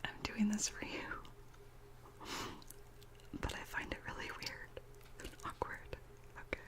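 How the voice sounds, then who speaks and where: A woman whispering gently as an ASMR channel host, chatting slowly with many soft pauses.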